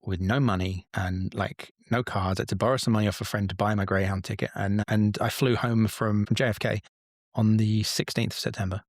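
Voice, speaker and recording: A man in his forties from England rambles through a candid personal story, dropping the odd swear word as he goes. His voice sits on the low side. The sound is dry and close to the mic. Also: steady tone, fairly quick, no room sound. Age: 40s. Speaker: podcast guest. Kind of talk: casual storytelling.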